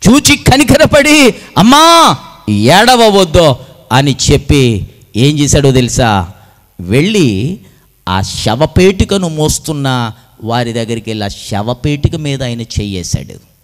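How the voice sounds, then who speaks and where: A man's voice: mid-range voice, lively intonation. Impassioned male preacher in a reverberant hall. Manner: dramatic, swinging from soft to impassioned; rapid-fire rhetorical questions. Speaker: pastor. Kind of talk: sermon.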